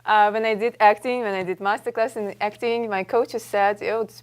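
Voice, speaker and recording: A woman's voice: medium pitch, steady tone, normal speed, clear, resonant tone. A young woman from Russia with a Russian accent, chatting as a talk show guest, friendly and searching for words. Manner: friendly, hesitant with fillers, laughs easily. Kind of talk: casual interview chat.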